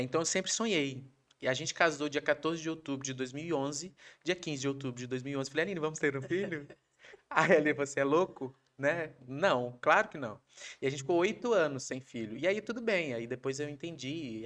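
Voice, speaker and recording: A Brazilian man, a podcast guest, telling a personal story in a casual, animated way, acting out his wife's lines. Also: a little high, brisk. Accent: Brazilian Portuguese. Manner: animated, acts out quoted voices of his wife.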